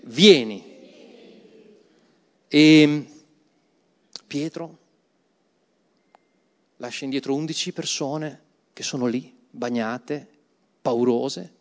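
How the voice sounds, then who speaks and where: A man preaching a sermon to a congregation, emphatic, having them repeat words after him. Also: medium pitch. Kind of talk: sermon with Bible reading. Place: church hall. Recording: long hall reverb.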